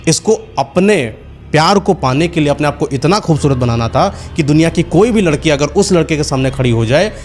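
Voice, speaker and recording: A man's voice: a little high, expressive, a little fast, soft background music. A man narrating a horror story in a loose, conversational way, with fillers and repeated phrases.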